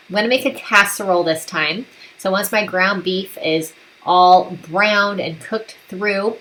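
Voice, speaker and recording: A woman's voice: on the low side, fairly bright tone. Upbeat woman narrating cooking. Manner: upbeat, chatty, repeats "really great". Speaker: cooking channel host. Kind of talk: casual cooking voice-over.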